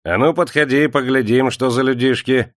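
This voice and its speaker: A man voicing a domineering male factory clerk who barks orders loudly and mockingly in a storybook reading. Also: medium pitch, fairly even intonation, moderate pace, no room sound, clean studio sound, voice pushed up, lightly acted. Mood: commanding. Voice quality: loud, commanding, mocking.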